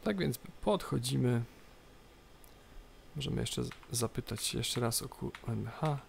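Creaky-voiced man giving a halting tutorial. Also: mid-range voice, expressive. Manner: halting, explanatory, repeats phrases. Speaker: tutorial presenter. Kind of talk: unscripted game tutorial commentary. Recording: light background noise, game cockpit ambience. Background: flight simulator cockpit ambience.

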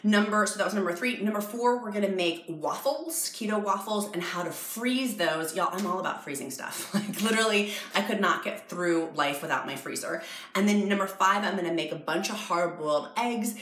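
A woman's voice: medium pitch, normal speed, a bit bright, roomy sound, low-quality recording. A woman, chatting bubbly and jokey to the camera in a home cooking vlog. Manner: chatty, bubbly, jokey, addresses viewers as y'all. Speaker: vlogger. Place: home dining room.

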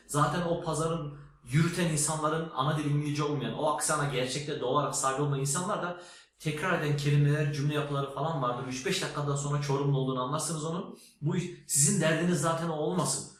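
Male teacher, emphatic lesson delivery with spoken word demos; slightly high voice, heavy room echo. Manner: emphatic, teacherly, demonstrates words aloud. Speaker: English teacher. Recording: very echoey room with faint noise.

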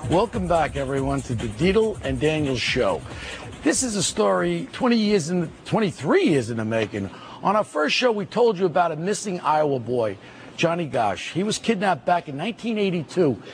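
A man's voice: fairly high pitch, sing-song, moderate pace, soft background music. A middle-aged man presenting a television news talk show as co-host. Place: TV studio.

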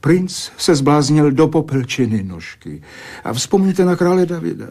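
A man performs an older physicist in a radio drama, begging one moment and philosophizing the next. The voice is husky and slightly breathy, with a wide, lively pitch that sometimes drops to a whisper. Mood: reasoning. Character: older male physicist, pleading, lecturing. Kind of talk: Czech radio play acting.

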